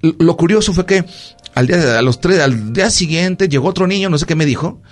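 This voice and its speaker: A Mexican-accented doctor with a slightly high voice speaks briskly over faint background music. Hosting an informal radio chat, he tells lively stories and uses lots of fillers.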